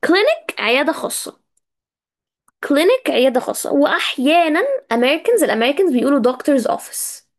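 A woman with an Egyptian Arabic accent teaching English words in a casual live lesson, chatty and talking straight to her students, drawing out words slowly to drill their pronunciation. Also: high voice, big pitch swings. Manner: chatty, addresses students directly.

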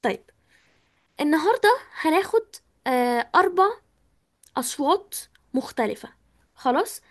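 In an online English lesson, a woman with an Egyptian Arabic accent patiently explains material and questions her students, slipping English words into her talk. Her high voice has lively intonation and a normal pace.

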